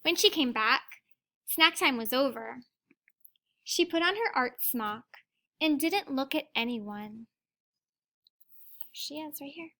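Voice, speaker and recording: Her voice is high as she reads a children's story in the manner of a teacher. She's expressive and careful, breaking off for asides to the young listeners.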